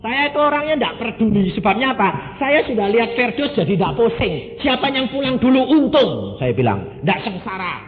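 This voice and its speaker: Animated older preacher, echoing hall. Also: male voice, moderate pace, hardly any pauses. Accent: Javanese. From Indonesia (Jepara, Central Java). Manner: animated, swings between loud exclamations and low asides. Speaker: evangelist preacher. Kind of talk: storytelling sermon. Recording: phone-like narrow sound in a reverberant hall with faint hiss.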